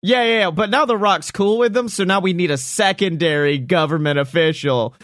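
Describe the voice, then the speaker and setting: A man co-hosting a comedy podcast, pitching a film plot with jokey storytelling and frequent laughter. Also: normal speed, fairly bright tone, no echo, clean studio sound. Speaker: podcast co-host. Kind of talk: comedic improv chat.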